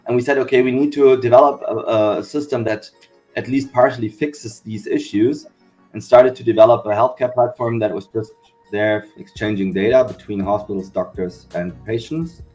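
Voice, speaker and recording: With faint music in the background, a company founder from Germany talks through his work in a podcast interview at a moderate pace. His voice is medium-pitched, his manner steady and explanatory, and he keeps saying "we said okay."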